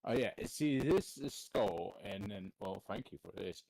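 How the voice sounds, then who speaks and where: A man's voice: fairly low pitch, animated, measured pace, creaky, darkish tone, no room sound, rough recording. A man playing a tabletop game in character, talking casually with some stammering. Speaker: player.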